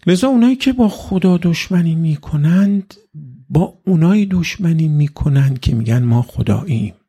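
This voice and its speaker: A man's voice: a little high, animated, dark tone, husky. A man giving a conversational religious lecture, full of rhetorical questions put to his listeners. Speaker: cleric.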